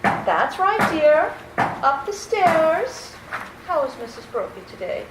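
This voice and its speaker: A woman's voice: very high-pitched, sing-song, slow, heavily acted. A woman playing a sweet, daffy elderly aunt in a radio comedy, genteel, fussy and chirpy. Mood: kindly, bustling. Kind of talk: old-time radio comedy acting. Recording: roomy stage recording with faint noise.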